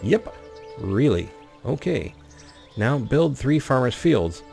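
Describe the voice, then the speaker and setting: In this gaming video, a man mixes let's play commentary with reading the in-game narration out loud. He has a mid-range, gravelly voice with a sing-song lilt and a slow pace, and music plays in the background.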